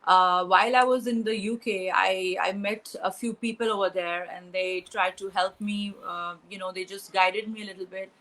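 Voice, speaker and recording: A woman's voice: medium pitch, steady tone, normal speed, hardly any pauses, a bit bright, rough recording. Hesitant woman from Pakistan. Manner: hesitant, many fillers and restarts. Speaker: interview guest. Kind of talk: conversational interview answers.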